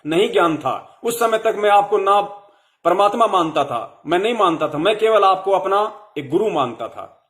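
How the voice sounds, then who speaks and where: A man's voice: sits high, expressive, moderate pace, a bit bright. A young man giving a heated devotional sermon to fellow followers, scolding them with rhetorical questions.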